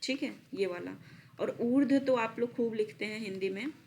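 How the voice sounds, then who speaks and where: A woman teacher giving an online spelling lesson for exam students, repeating words slowly and mixing in English terms. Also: a little high, darkish tone. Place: at a laptop.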